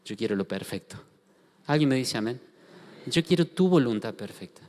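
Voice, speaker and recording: A man with an Argentine accent preaching a sermon, telling a story with acted-out dialogue and questions to the congregation. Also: on the high side. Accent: Argentine Spanish. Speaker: pastor. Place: church hall. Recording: long hall reverb.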